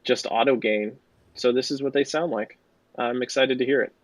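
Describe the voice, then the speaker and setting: A man's voice: medium pitch, fairly even intonation, moderate pace, dry recording. A man making a plain, matter-of-fact test recording through a wireless earbud microphone, its level wobbling with uneven auto gain. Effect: earbud mic with uneven auto gain. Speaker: tech reviewer testing a mic.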